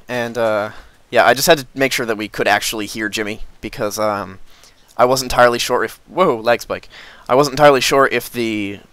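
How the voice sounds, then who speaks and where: A man's voice: medium pitch, fairly bright tone, no room sound. A young man talks through his game with many ums and restarts, a hesitant and rambling host. The sound is dry and close, with no room around it. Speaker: gaming video host. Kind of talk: casual Minecraft commentary.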